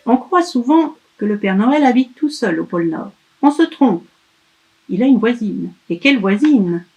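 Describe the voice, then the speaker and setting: A woman narrating a children's picture story aloud in an expressive, emphatic way. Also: a little high, moderate pace, muffled recording, soft background music.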